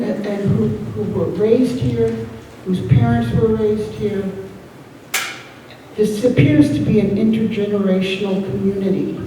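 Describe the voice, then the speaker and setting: A woman giving a slow, measured, earnest public comment at a town meeting. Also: mid-range voice, warm tone, a little hiss or hum. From United States. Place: school gym at a town meeting. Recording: echoey hall from far off.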